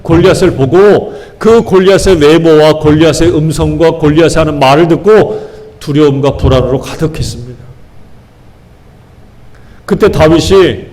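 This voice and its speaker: A man's voice: fairly high pitch, a little mellow. A man pastor preaching a sermon. He keeps asking the congregation questions and acts out the lines he quotes.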